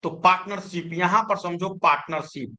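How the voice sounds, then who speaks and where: Male teacher, high bright voice, quizzes the class as he explains. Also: normal speed. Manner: explains with repeated questions to students. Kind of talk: chemistry lesson.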